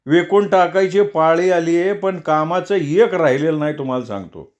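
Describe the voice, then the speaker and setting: A man's voice: fairly high pitch, moderate pace, pitched above the performer's own voice, close to an everyday voice. Man doing a grumbling older village man. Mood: aggrieved. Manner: complaining, aggrieved.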